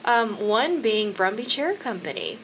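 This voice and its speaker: A woman's voice: on the high side, sing-song, a little slow, a bit bright, slight background noise. A woman in her thirties co-hosting a podcast in casual chat, chatty with frequent laughs and fillers. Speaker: podcast co-host.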